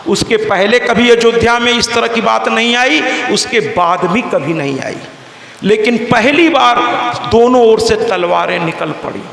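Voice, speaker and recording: High, gravelly-voiced man preaching in an echoing hall. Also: measured pace. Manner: animated, acts out the voices of people in his stories. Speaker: religious storyteller. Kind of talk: devotional scripture discourse. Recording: echoey hall with long reverb.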